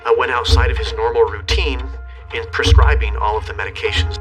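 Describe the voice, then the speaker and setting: A man, a chief deputy prosecutor, recounting a case in an interview in a measured, matter-of-fact way. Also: mid-range voice, fairly even intonation, far from the mic, over loud music.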